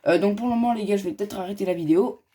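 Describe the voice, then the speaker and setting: A man's voice: high voice, rapid-fire, warm tone. A man giving casual game commentary as a gaming youtuber, chatty and rambling, talking straight to his viewers.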